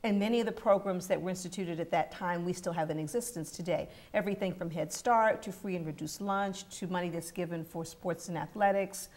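A middle-aged woman academic calmly lecturing on education history in a TV panel, on a lapel mic in a studio. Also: fairly low pitch, a little fast, few pauses. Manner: calm, lecturing. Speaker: university professor. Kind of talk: panel discussion. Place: TV studio set.

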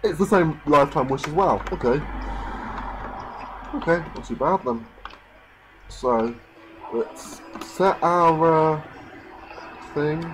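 A man's voice: fairly high pitch, slow pace, long pauses, background noise. A man giving irritated, ranting let's play commentary over a life-sim game. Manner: frustrated, ranting, swears mildly. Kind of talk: gameplay commentary.

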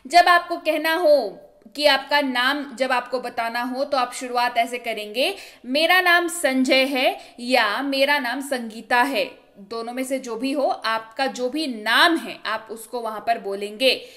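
Young woman teaching english online, high bright voice, asks stuff then answers it herself, says examples slow. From India. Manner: lively, asks and answers her own questions, repeats examples slowly. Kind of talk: online video lesson. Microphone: voice-over over slides.

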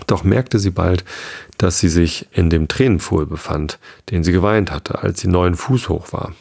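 A man hosting a sleep podcast, reading a storybook aloud calmly and slowly. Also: sits low, gravelly, husky. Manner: slow, calm reading aloud. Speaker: podcast host.

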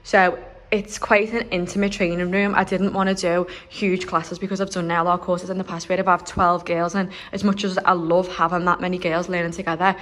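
Excited young woman touring her salon. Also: on the low side, fairly quick, hardly any pauses. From Liverpool, England. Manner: excited, chatty, lots of fillers. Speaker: nail salon owner. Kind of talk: walkthrough vlog. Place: salon under renovation, indoors.

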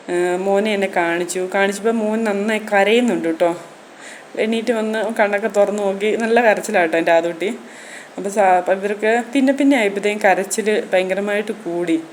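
A woman's voice: medium pitch, a little hiss or hum. A woman vlogger and mother telling her own story in a chatty way, often turning to the viewers with "you know". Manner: conversational, frequent tag "keto" addressing listeners.

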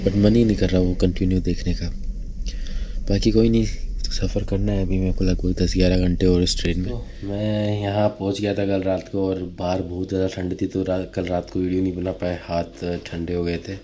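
Young male travel vlogger, low even voice, handheld camera on a train. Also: moderate pace, a little hiss or hum. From India. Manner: relaxed, chatty, talking to camera. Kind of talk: casual vlog narration. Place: sleeper compartment of a moving train. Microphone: handheld camera at arm's length.

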